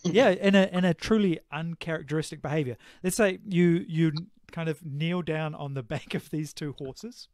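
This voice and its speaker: A man running a tabletop game as game master over a call from home, halting with many fillers. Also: fairly high pitch, darkish tone, no room sound. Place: home bedroom. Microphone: home remote-call mic.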